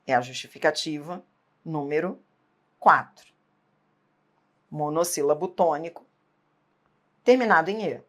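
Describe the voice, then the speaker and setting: A woman's voice: low-pitched, a little slow, pauses often. A woman teaching an exam-prep grammar lesson, emphatic, asking rhetorical questions and checking in often.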